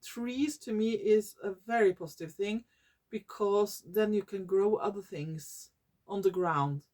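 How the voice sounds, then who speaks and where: This YouTuber is a Norwegian woman vlogging casually to camera in English, her second language. Slow and searching for words, she pauses often, fills gaps, and corrects herself in a medium-pitched, dark voice.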